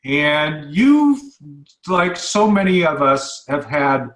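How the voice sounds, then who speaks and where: Man hosting a radio talk show, slightly high voice, casual rambling delivery, echoey room. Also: very animated, takes it slowly, fairly bright tone. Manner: conversational, with many fillers and repeats. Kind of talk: casual interview.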